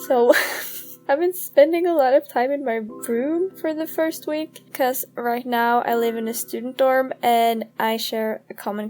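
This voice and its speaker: A young woman in her twenties talks casually to her viewers as she builds in a game, with a fairly high voice. She giggles often and pokes fun at herself. Soft music plays quietly under her voice. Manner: giggly, chatty and self-deprecating, laughs often. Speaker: gaming YouTuber. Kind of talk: casual voice-over chat during a speed build.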